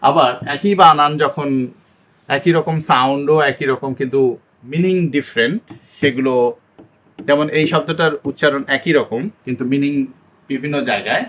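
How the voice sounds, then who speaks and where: A man's voice: a little high, fairly bright tone. Man teaching pronunciation. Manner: explains slowly, repeats sounds, checks understanding. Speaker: English teacher. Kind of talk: online IELTS pronunciation lesson.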